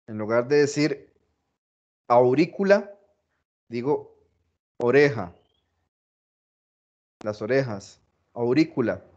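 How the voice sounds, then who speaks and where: Slow, repetitive male philology teacher. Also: mid-range voice, expressive, darkish tone, muffled recording. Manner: slow, repeats phrases, restarts, stresses example words. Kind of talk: recorded class lecture.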